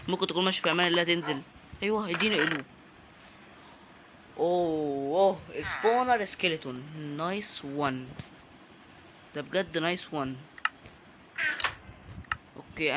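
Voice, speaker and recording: A man's voice: high voice, noisy background. A young man with an Egyptian Arabic accent, giving joking, chatty let's-play commentary and talking to the game's characters. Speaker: gaming YouTuber.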